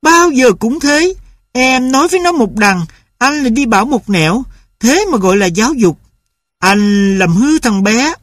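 A man's voice: extremely high pitch, normal speed, no room sound, studio quality, voice pushed up. A man voicing a stern, impatient mother who scolds her husband and son. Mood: scolding.

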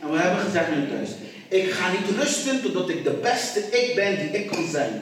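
High-voiced preacher man exhorting, echoey hall. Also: expressive, normal speed. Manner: exhorting, repeats phrases, urges the congregation on. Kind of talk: sermon. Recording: echoey hall, distant mic, congregation audible.

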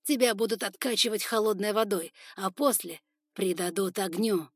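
A woman voicing a cruel older male spider lord in an audiobook, shouting orders in a harsh, contemptuous voice. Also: mid-range voice, fairly even intonation, moderate pace, dry recording, studio quality, natural voice. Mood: scornful. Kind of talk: audiobook character voice.

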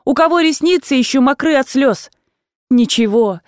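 A woman's voice: sits high, animated, normal speed, no echo, clean studio sound, pitched above the performer's own voice. A woman reading aloud and voicing an agitated, fussy old aunt who scolds and exclaims in a raised voice.

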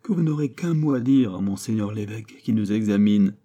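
Guy doing a whiny pleading teen schoolboy, raised voice, mellow tone, audiobook. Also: fairly low pitch, animated, a little fast. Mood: pitiful. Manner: pleading, whining. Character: clumsy teenage schoolboy, pleading and pitiful.

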